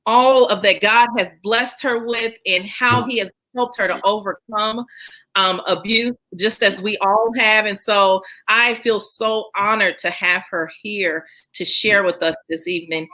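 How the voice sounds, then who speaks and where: A woman's voice: medium pitch, steady tone, a little slow, bright, forceful tone, poor audio. A woman hosting a live podcast stream, greeting viewers by name with upbeat faith-centered encouragement and reading her guest's bio. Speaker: podcast host.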